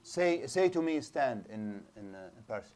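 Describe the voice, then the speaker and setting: With a medium pitch, big pitch swings, a moderate pace and a darkish tone, an Islamic studies teacher lectures his class. He asks rhetorical questions, explains at length and restarts often. The setting is a small lecture room with a projector screen.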